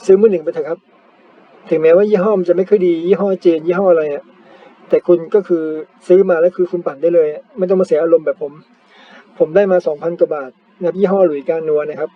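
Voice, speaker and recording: A man from Thailand chatting casually as a cycling vlogger, self-mocking and full of polite particles. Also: a little high. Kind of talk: casual chat over screen photos. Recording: slightly dull, lo-fi sound.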